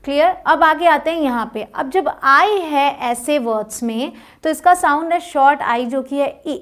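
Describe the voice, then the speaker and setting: An English teacher, patiently explaining vowel sounds and spelling words out letter by letter. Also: female voice, sits high, moderate pace, a bit bright. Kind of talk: explaining phonics lesson.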